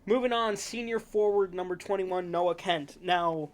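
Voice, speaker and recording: A man hosting a casual sports preview podcast, talking in a relaxed, rambling way with fillers and self-corrections. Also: sits high, measured pace. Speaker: podcast host.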